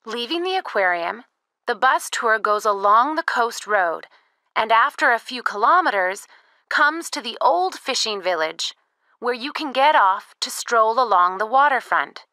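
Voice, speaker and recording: A woman playing the announcer of a recorded phone message, giving scripted tourist information in a measured, informative way. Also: fairly high pitch, lively intonation, bright, forceful tone, dry recording. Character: female announcer of a tourist bus tour phone line.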